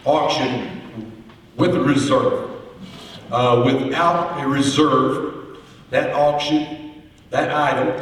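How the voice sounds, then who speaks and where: A man gives formal contest answers in a courteous, earnest, deliberate way, like an orator. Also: mid-range voice, slight background noise. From Oklahoma, US. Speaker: auctioneer, contest finalist. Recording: echoey hall, heard from far off.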